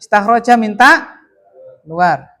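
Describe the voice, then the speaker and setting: A man's voice: high-pitched, measured pace. Male teacher quizzing his class. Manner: lively, rising and falling emphasis, asks the class questions. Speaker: teacher of Arabic grammar. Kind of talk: classroom lesson with call and response.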